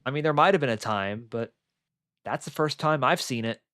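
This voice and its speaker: An excitable young man rambles through live commentary of an online football match, packing in filler words. His mid-range voice keeps a normal speed over soft background music, with clean studio sound and no room noise.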